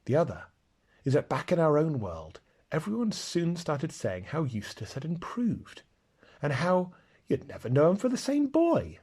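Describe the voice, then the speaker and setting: Husky man reading a storybook aloud. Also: a little high. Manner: slow, expressive, soft-spoken. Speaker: narrator.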